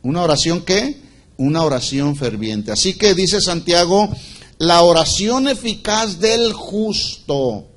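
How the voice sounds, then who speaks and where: A man's voice: high-pitched, expressive, takes it slowly. A male pastor preaching a Bible-study sermon, explaining word meanings and asking the congregation questions.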